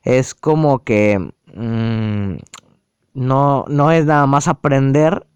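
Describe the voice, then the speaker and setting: A man calmly walking through a language app on screen, explaining each step aloud. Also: medium pitch, extremely slow, smooth, no echo. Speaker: app reviewer. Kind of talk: casual screen-recorded app walkthrough.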